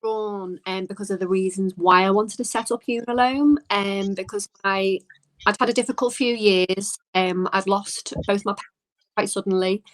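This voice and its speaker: A woman's voice: medium pitch, steady tone, moderate pace, poor audio. A woman interview guest explaining her views and experiences in a casual, reflective, conversational way. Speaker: interview guest, small business owner.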